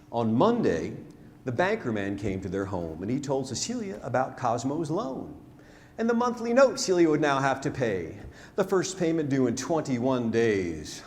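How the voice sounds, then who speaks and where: Performing as a storyteller on stage in a theatre, a man with a medium-pitched, slightly mellow voice recites a rhymed narrative ballad. His manner is dramatic, folksy and emphatic, and the live recording is noisy with hall reverb.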